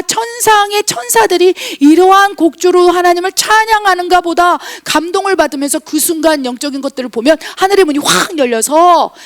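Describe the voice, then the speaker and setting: A woman missionary pastor preaching an impassioned sermon, rising to exclaimed scripture and dropping to quiet asides. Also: sits high, gravelly. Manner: calls herself tone-deaf.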